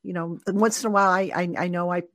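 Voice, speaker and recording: Fast-talking and steady in tone, this sports podcast host has a fairly bright, high voice he says isn't a radio voice. On his live talk show he rambles self-deprecatingly with frequent stammered restarts, captured in clean studio sound with no room sound.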